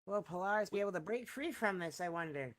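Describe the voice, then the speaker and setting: A woman's voice: mid-range voice, animated, quick pace. A woman doing casual color commentary on a wrestling match, making playful, giggly asides.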